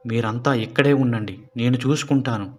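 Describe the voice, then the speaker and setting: A man voicing a calm holy man who drives out ghosts, explaining in a steady way. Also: medium pitch, moderate pace, natural voice.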